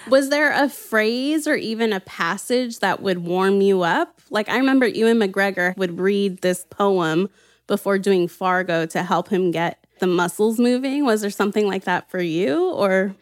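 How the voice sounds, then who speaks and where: A woman's voice: medium pitch, a little slow, no echo, clean studio sound. A woman interviewer asking conversational questions over a video call.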